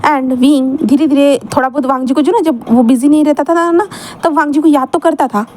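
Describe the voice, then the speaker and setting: High-voiced woman telling a story. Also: brisk, a little mellow. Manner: chatty, mixing in English words. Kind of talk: casual story narration.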